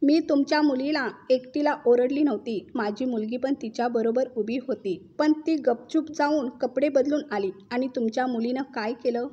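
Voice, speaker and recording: A woman voicing a calm middle-aged mother-in-law who answers in a measured way. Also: high-pitched, breathy edge, highs cut off. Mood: firm.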